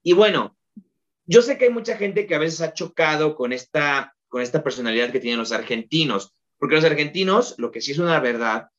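A man's voice: a little high, a little fast, dull audio. Chatty Mexican man telling travel stories. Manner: lively storyteller, many fillers like "este". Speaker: guest. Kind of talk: casual interview chat.

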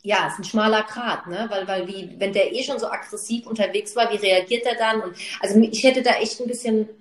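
A woman's voice: mid-range voice, fairly quick. A woman podcast co-host chatting casually, mostly reacting to her partner with short remarks and questions. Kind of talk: casual chat. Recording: echoey room.

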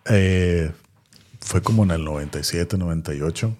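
A man tells a long personal story in relaxed podcast chat. His voice is very low and dark with a husky edge, and he talks fast. He repeats words and keeps tagging his sentences with little questions. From Tijuana, Mexico. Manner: rambling, repeats words, many tag questions. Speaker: podcast co-host.

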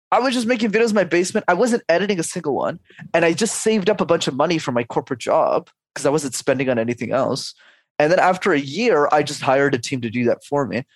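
A Canadian man in his twenties or thirties speaks with a fairly high pitch on a dry recording. He's a speech coach in a podcast interview, energetically laying out advice in numbered steps.

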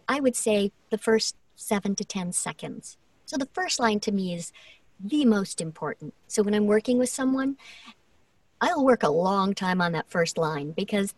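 A woman's voice: medium pitch, dry recording, far from the mic. A woman who works as a voice actor, speaking in an interview and sometimes acting out casting notes. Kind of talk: interview conversation.

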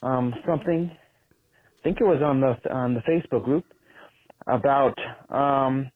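A man's voice: medium pitch, a little slow, no room sound. A man leaving a rambling, chatty voice message that is played back from a phone voicemail, with many ums and uhs. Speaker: listener leaving a voicemail for the podcast. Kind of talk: casual voice message. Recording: tinny phone-line voicemail.

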